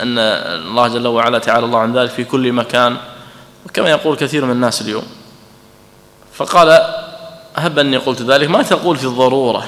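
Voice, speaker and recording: A man's voice: mid-range voice, fairly bright tone. A man, a sheikh, lecturing on a text, explaining it point by point and checking in with his listeners. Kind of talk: lecture commenting on a read text. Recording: echoey hall.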